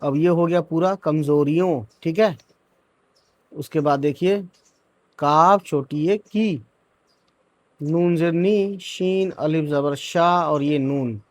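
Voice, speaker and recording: A man's voice: a little high, dry recording. A man teaching beginners to read, spelling each word out sound by sound and then joining the sounds, often checking in with short asides. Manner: spells words out syllable by syllable, then joins them; checks in with "theek hai" and "hai na". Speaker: Urdu reading teacher. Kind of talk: letter-by-letter reading lesson.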